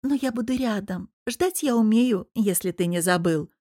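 A woman's voice: medium pitch, normal speed, dry recording, clean studio sound, lightly acted. A woman reading an audiobook who voices a jealous, scheming young woman with a sulky, purring, spiteful manner.

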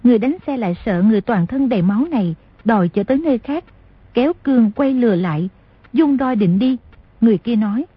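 Woman audiobook narrator, raspy, dull lo-fi dry recording. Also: on the high side, quick pace, no room sound. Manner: steady storytelling.

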